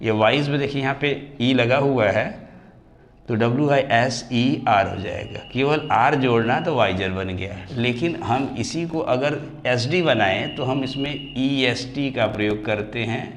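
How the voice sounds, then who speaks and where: A man teaching English grammar, his voice at an ordinary middle pitch for a man. He drags out example words slowly, syllable by syllable, and calls his students dear children. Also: slight background noise. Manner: slows right down and stretches example words to spell them out. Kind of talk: classroom grammar lesson.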